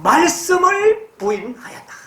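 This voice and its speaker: A woman preaching a sermon. She reads passages slowly and then explains them, asking her listeners questions and answering them herself. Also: very high voice, sing-song, fairly bright tone, echoey room. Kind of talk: sermon with Bible reading.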